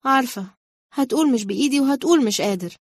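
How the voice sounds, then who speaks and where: A woman voicing a fiery young woman and loyal friend who scolds and bickers in quick banter. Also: high voice, animated, dry recording, studio quality, pitched above the performer's own voice. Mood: earnest.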